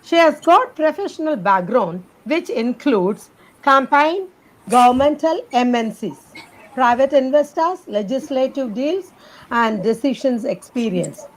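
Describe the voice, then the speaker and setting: A woman's voice: sits high, expressive, a little slow, rough recording. A woman hosting an online program, reading a guest's bio and giving participants instructions. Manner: reads a prepared bio, then gives instructions. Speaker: program host introducing speaker. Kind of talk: formal introduction and announcements.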